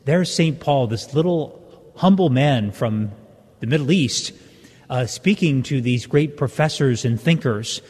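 A mellow, slightly rough male priest of medium pitch reads the Gospel and gives a homily in a large church with long, cathedral-like reverb. His delivery is conversational, halting and explanatory.

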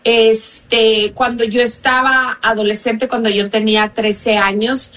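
A woman's voice: a little high, steady tone, slow pace, a bit bright. Mexican woman therapist, earnest guest. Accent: Mexican Spanish. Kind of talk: interview answers.

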